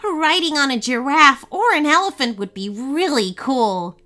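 A woman's voice: high-pitched, animated, measured pace, sharp tone, pitched above the performer's own voice, exaggerated voice. A woman voicing a young girl explorer who is hopeful and believes in magic, speaking earnestly.

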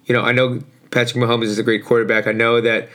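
A man hosting a casual sports podcast in slangy, informal talk, his voice hoarse and worn out as if from yelling. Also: mid-range voice, little pitch movement, fast talker. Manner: informal, slangy, mildly profane. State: hoarse, voice shot from overuse. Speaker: podcast host.

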